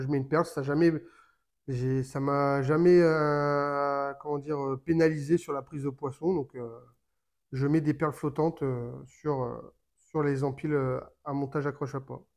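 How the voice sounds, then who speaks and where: A man giving a casual how-to explanation of a fishing rig, talking while he works with his hands and pausing often with fillers and restarts. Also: on the high side, steady tone, darkish tone. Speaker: fishing tutorial maker.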